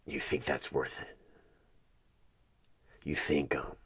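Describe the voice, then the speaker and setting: Haggling and looking down on his listener, the performer's smug, soul-buying recruiter speaks in a gravelly bass with little pitch movement and a fairly bright, exaggerated tone that keeps sliding toward a whisper. This is a one-sided horror ASMR roleplay where he plays a job interviewer, slow, deliberate and coaxing.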